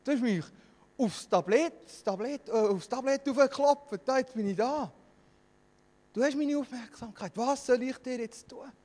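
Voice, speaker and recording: A man with a Swiss German accent preaching a sermon, fervent and swinging between hushed and loud passages. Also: extremely high pitch, normal speed, in a large hall.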